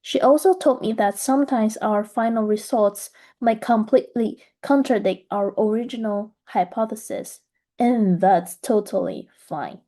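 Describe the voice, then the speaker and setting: A young woman from Taiwan giving a measured, earnest presentation about her graduate studies. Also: on the high side, mellow. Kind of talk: scripted presentation.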